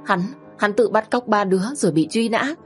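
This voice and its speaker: A woman's voice: medium pitch, brisk, soft background music, voice pushed up, close to an everyday voice. A woman voicing a scheming middle-aged stepmother who pleads with her son, tearful and insistent. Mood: pleading.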